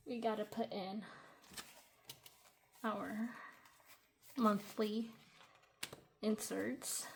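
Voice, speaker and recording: A young woman in her twenties talks through a budgeting tutorial at an unhurried, slow pace, sounding a little short of breath. She chats casually, with fillers and restarts. Faint background noise and small clicks sit under her voice. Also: medium pitch, darkish tone. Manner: chatty, hesitant with fillers and restarts. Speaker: budgeting vlogger.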